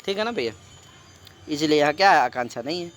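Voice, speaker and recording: A man's voice: on the high side, lively intonation, fast, a bit bright. A man teaching a classroom lecture, mixing recited texts with explanation and constantly quizzing his students. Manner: quizzing students with repeated questions; mixes Sanskrit recitation with Hindi explanation. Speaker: Sanskrit teacher.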